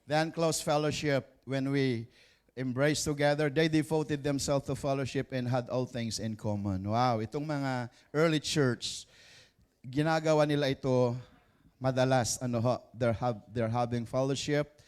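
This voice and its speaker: Man preaching a lively bilingual sermon. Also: medium pitch, unhurried, smooth. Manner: mixes Tagalog with English, prompts the congregation with "Amen ba?". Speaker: pastor. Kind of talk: live sermon. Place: church.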